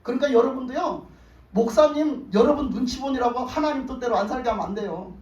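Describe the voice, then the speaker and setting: A woman pastor preaching a sermon, retelling a story with lively asides and questions to the congregation. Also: high voice, brisk, muffled recording. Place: church sanctuary. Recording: roomy hall, distant mic.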